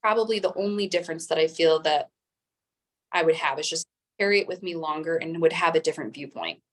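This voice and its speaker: A young woman in her twenties, a teacher, speaking as an interview guest in a calm, even, measured tone. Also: low voice. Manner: calm, even-toned speech. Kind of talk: interview conversation.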